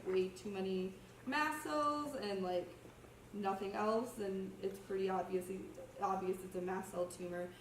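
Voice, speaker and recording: A young adult woman who is sick with a cough gives an informal slide presentation as a student, explaining casually and a little hesitantly. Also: medium pitch. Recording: roomy, distant mic, faint noise.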